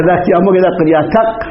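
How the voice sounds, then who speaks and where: A man's voice: high-pitched, background noise. A man teaching a grammar lesson, firing questions at his class and laughing often. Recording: dull lo-fi classroom recording.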